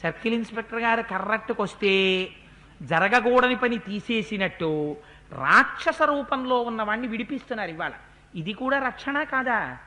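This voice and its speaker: Bright-voiced man telling scripture vividly. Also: high-pitched, animated, moderate pace. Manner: vivid, dramatic retelling with repetition. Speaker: religious discourse speaker. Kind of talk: Ramayana storytelling discourse.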